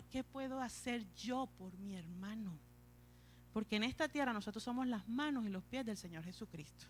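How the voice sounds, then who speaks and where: A woman with a Colombian Caribbean Spanish accent preaching a sermon, acting out pleading prayers in a high, tearful voice. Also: bright, forceful tone.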